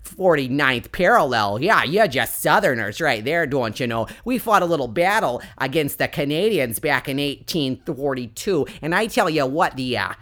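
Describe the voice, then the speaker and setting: A man's voice: fairly high pitch, expressive, moderate pace, few pauses, sharp tone. A man voicing a chatty Wisconsin housewife who hosts a talk show, rambling folksy and repeating herself. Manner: rambling, folksy, repeats "I tell you what".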